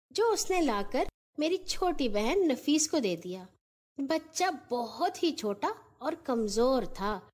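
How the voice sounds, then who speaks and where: A woman narrating a scripted children's story as a storyteller. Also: sits high.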